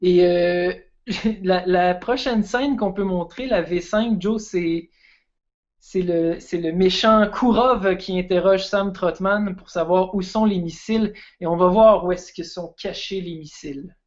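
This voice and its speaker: A man's voice: sits high, measured pace, highs cut off. A man, a guest film expert chatting casually and enthusiastically on a stream.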